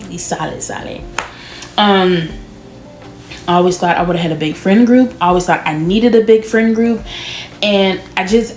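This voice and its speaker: Woman, late 20s, casual vlogger, mid pitch, roomy echo, faint music bed. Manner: chatty, drawn-out words, lively laughs. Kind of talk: casual chat to camera. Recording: echoey room with faint music.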